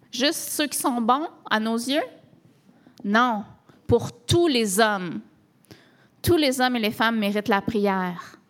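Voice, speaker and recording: A woman from Canada with a Québécois French accent, a pastor preaching a sermon in a conversational way, with rhetorical questions and tags like "hein". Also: fairly high pitch.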